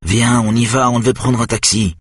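An awkward, anxious teenage boy, as a man reading a novel puts him on. The voice is lifted above the reader's own and sounds slightly husky. He snaps or pleads with his mother. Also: mid-range voice, steady tone, moderate pace, no echo, clean studio sound, pitched above the performer's own voice, close to an everyday voice. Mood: uneasy. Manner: curt, pleading. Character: anxious teenage son, embarrassed and curt.

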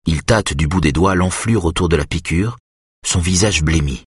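A man reading a suspense novel aloud in measured, even narration. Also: low voice, breathy edge, no echo, studio quality. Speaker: audiobook narrator. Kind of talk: scripted narration.

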